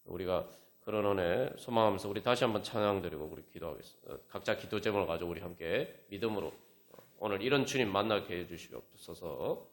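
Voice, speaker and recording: A man's voice: low voice, fast talker. A man preaching as pastor at a Friday prayer meeting, talking conversationally and prodding his listeners with rhetorical questions. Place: church sanctuary. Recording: echoey church room with faint instrument music.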